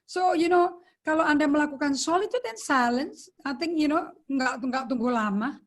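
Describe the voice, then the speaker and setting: A woman's voice: high voice, normal speed. A woman pastor teaching a sermon over a video call, chatting casually and slipping English phrases into her talk.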